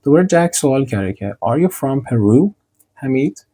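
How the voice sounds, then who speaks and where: A young man teaching an English grammar lesson with slides, drilling sentences slowly and repeating them. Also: mid-range voice, expressive, mellow. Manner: slow, deliberate model sentences, repeating drills.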